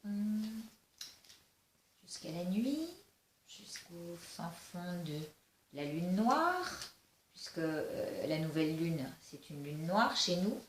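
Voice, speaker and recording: Lady doing a slow halting card reading, lots of umms, echoey room, faint background noise. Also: lowish voice, lively intonation. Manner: slow, halting, many fillers and restarts. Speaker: oracle card reader. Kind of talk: casual spiritual card reading.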